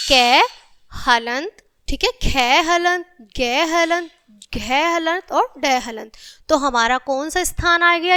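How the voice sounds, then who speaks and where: A woman with a high, bright voice teaches children a grammar lesson. She spells out letters piece by piece at a careful pace and keeps checking in with the class. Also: clear, resonant tone. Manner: spells out letters slowly, often says "theek hai".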